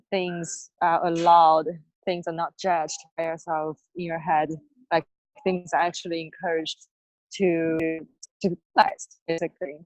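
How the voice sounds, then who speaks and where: A woman life coach as an interview guest, lively, laughing often, with fillers. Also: on the low side, no room sound, low-quality recording. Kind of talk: casual interview. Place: near a construction site.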